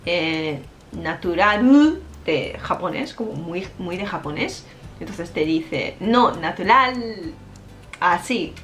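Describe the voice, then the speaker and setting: This interview guest, a Spanish teacher with Japanese as her first language, talks in fluent Spanish during a casual chat. Her voice is lowish and her pace slow. She tells her stories animatedly, laughing a lot and dropping in frequent fillers.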